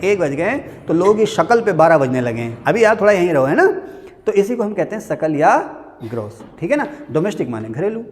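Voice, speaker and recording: A man teaching an economics class in a classroom, joking and quizzing his students in a conversational way. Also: high voice. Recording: hall reverb.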